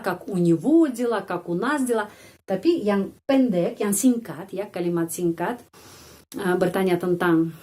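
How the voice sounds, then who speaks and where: A woman's voice: medium pitch, a little mellow. Woman, patient teacher, repeats every phrase, tags lines with "ya". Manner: explains patiently, repeats phrases, frequent "ya" tag. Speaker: Russian language teacher. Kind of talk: language lesson.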